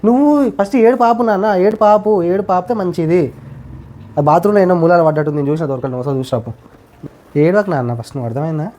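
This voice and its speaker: A man's voice: fairly high pitch, fast talker, mellow. A man arguing with his wife in a casual home prank, brushing off blame and scolding her bluntly. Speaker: husband pulling a prank. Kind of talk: casual domestic argument.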